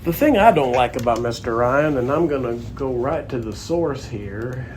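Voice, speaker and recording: A man's voice: medium pitch, expressive, normal speed, a little hiss or hum. A man, a young adult guest comedian, delivering a sarcastic, grumbling comedic rant.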